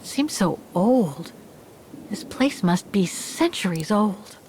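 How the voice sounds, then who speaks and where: A woman's voice: medium pitch, expressive, slow, darkish tone, slight background noise, rough recording. An actress playing a weary, wry adventurous woman in a naturalistic video game style, often muttering to herself. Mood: searching.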